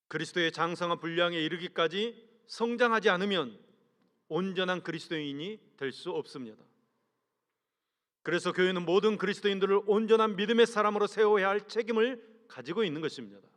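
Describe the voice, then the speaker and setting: Speaking in a measured way, a man who serves as senior pastor puts rhetorical questions to his congregation during an earnest sermon, letting each sentence sink low at the close. His tone is fairly bright, echoing with the long reverb of a big church.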